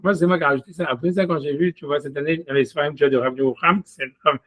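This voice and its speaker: A man teaching a relaxed one-on-one study session over a video call. His voice sits a little high for a man, and he keeps checking in with "you see" as he goes. Every so often he switches to reading Hebrew verses aloud. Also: very fast. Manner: chatty, peppers every phrase with "you see"; reads scripture aloud in chanted Hebrew phrases. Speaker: rabbi teaching a text study. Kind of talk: casual one-on-one text study.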